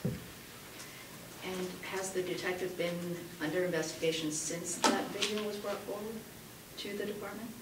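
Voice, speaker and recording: A woman's voice: on the low side, flat delivery, a little slow. A woman reporter asking questions at a press conference. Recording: echoey, noisy, off-mic from a distance.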